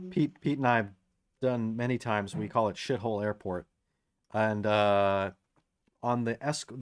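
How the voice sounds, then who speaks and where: Rambling man hosting a music livestream. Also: mid-range voice. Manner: loose and rambling, many fillers. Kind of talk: casual livestream chat. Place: home studio with keyboard. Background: saxophone warming up.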